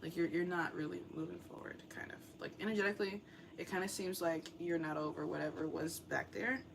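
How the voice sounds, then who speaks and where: A woman's voice: lowish voice, fairly even intonation, brisk, vocal fry, noisy background. A young woman giving a casual tarot reading in a rambling, meandering way, full of fillers. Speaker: tarot reader.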